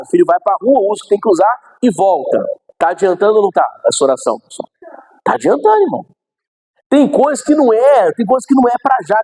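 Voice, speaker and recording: A man's voice: high-pitched, warm tone, husky, low-quality recording. A man preaching a sermon as pastor. He asks the audience questions and acts out the voices of the people in his examples. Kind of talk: sermon teaching.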